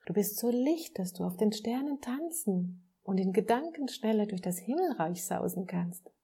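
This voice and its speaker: A woman's voice: medium pitch, animated, moderate pace, warm tone, husky. A woman voicing a small, childlike soul who is eager and restless in a storybook reading.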